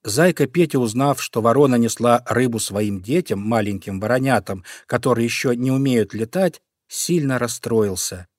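A man narrating a children's storybook in a calm, expressive manner. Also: mid-range voice, moderate pace, few pauses, no room sound, clean studio sound. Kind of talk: storybook reading.

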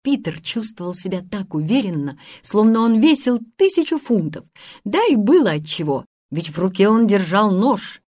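A woman narrating a storybook with expressive reading and voices for each figure. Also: medium pitch, normal speed.

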